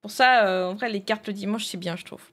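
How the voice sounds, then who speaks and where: A woman's voice: medium pitch, brisk, a bit bright. A woman streamer chatting casually with her viewers as she checks files and switches games, thinking aloud as she goes. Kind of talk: casual live-stream chat.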